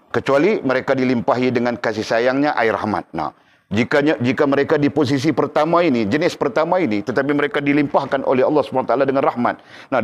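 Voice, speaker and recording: Emphatic male religious teacher. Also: mid-range voice. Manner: emphatic, keeps checking students understand. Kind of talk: religious class lecture.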